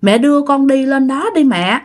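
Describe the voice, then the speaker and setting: A woman's voice: sits high, normal speed, a little mellow, voice pushed up, natural voice. Woman doing a pleading little boy spirit. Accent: Southern Vietnamese. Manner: pleading, childlike.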